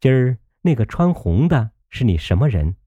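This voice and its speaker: Male reader doing an earnest young nobleman; eager, placating, dark-toned. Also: medium pitch, very animated, moderate pace, slightly rough, dry recording, lo-fi sound, voice pushed up.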